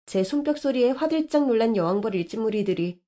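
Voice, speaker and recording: A woman narrating a scripted story in an expressive, lively way. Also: on the high side, fast.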